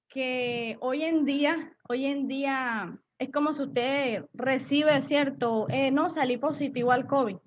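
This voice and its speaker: A woman's voice: sits high, muffled recording, a little hiss or hum. A woman giving an earnest church testimony, often repeating and restarting her phrases. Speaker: pastor's wife giving testimony.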